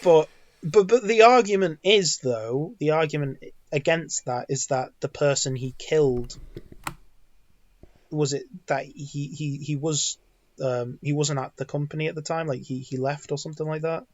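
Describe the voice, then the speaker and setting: A man's voice: on the high side, moderate pace, no room sound, lo-fi sound. A man co-hosting a podcast in casual chat, rambling and restarting his sentences often. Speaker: podcast co-host.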